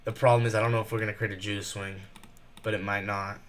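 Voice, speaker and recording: A nervous young man giving fast live commentary while trading, thinking out loud and rushing his words. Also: on the low side, little pitch movement, slight background noise. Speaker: day trader streaming live.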